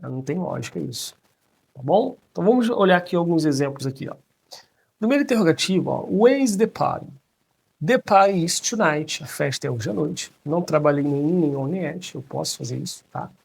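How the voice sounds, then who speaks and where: A man in his thirties, a teacher, explaining grammar with lots of tag questions and slow, careful English examples. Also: a little high, expressive, vocal fry, a little mellow, slightly rough. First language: Portuguese. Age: 30s.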